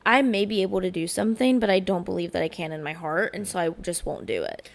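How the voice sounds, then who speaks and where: A young woman with a light Southern US accent co-hosts a casual podcast chat, speaking candidly and giggling between stories. Her animated voice sits on the low side, turning gravelly with vocal fry at phrase endings. She leans heavily on "like" and draws out her filler words.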